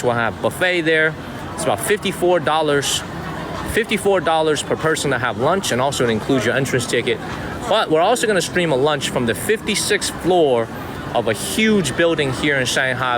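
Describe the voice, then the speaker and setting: A man hosting a live vlog outdoors, chatting on in a rambling way and repeating his phrases for emphasis. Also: a little high. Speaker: live stream host. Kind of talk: live vlog street chat. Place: outdoors on a busy city street. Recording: noisy outdoor city street with traffic.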